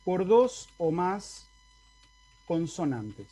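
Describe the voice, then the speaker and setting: Drawing out his words, a man with a high, mellow voice delivers a very animated Latin lecture to university students over video. His accent is Argentine, and he explains step by step, checking in with the class often.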